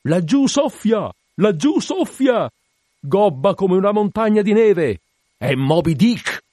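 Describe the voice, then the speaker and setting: A man voicing a fierce, obsessed whaling captain in an audiobook, shouting urgent, commanding orders to his crew in long, repeated cries. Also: medium pitch, moderate pace, no echo, clean studio sound, lightly acted. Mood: exultant shouting.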